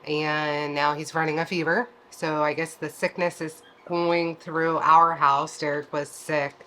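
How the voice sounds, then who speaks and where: A woman's voice: sits low, flat delivery, unhurried, bright, forceful tone, slight background noise. A woman co-hosting a home cooking vlog, talking in a chatty, laid-back way from her kitchen. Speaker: keto vlog co-host. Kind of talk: casual chat.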